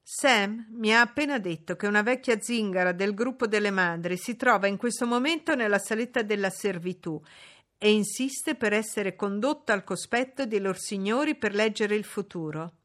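A woman reading an audiobook, voicing a jovial, persuasive gentleman colonel. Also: mid-range voice, normal speed, lightly acted. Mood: eager.

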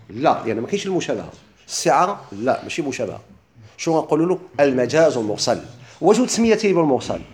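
Man, Moroccan accent, teacher, quick delivery, slightly high voice, question-and-answer lesson. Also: darkish tone. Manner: asks the class questions and answers them himself. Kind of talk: lesson on classical Arabic rhetoric.

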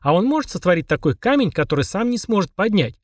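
Man doing a timid squeaky little girl. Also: very animated, fast talker, dry recording, clean studio sound. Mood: curious. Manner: high, breathless questioning. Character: timid curious young girl.

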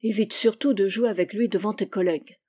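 A woman reading the part of a frightened middle-aged café owner, speaking in a hushed, urgent way. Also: medium pitch, a little fast, husky, natural voice. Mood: fearful.

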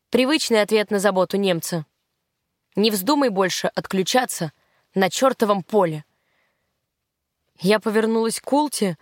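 A woman narrating a first-person novel in a calm, wry manner. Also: mid-range voice, dry recording, studio quality. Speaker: audiobook narrator.

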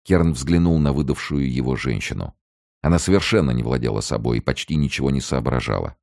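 Very deep, gravelly male narrator. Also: fairly quick, darkish tone, no echo, studio quality. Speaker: audiobook narrator. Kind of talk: scripted narration.

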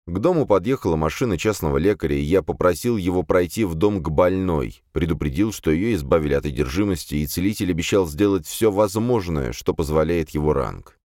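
A man narrating a first-person fantasy audiobook in a measured, wry tone. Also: deep voice, expressive, a little mellow, no echo, studio quality.

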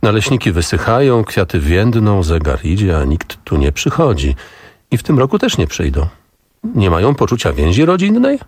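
A man's voice: on the low side, wildly swooping pitch, moderate pace, darkish tone, slightly rough, dry recording, clean studio sound, heavily acted. A man voicing the Fillyjonk, a fretful, lonely storybook lady who sobs and complains, while reading a story aloud on radio. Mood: plaintive. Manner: sobbing, plaintive, then suddenly delighted.

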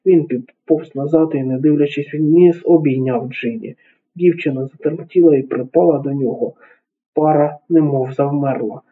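Husky man reading a novel aloud. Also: a little high, moderate pace. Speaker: audiobook narrator. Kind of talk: audiobook reading. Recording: narrow phone-like sound.

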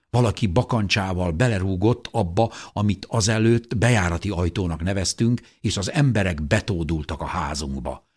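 A man reading an audiobook aloud in a dramatic, expressive scripted narration. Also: deep voice, breathy edge.

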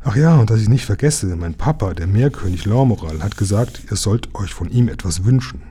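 A man reading aloud, voicing a friendly, proud young mermaid princess in a gentle, earnest way. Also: lowish voice, lively intonation, fairly quick, slightly rough.

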